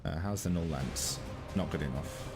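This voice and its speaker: A man with a deep voice talks casually through a strategy game. He thinks aloud and drops dry asides, with game music playing behind him. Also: normal speed. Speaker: gamer, video host.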